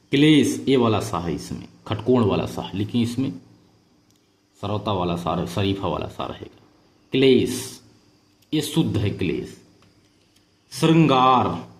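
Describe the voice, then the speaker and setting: Slow, low-voiced male Hindi tutor. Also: darkish tone. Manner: drills each word, repeating it and stressing it. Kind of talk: slow exam-prep lesson.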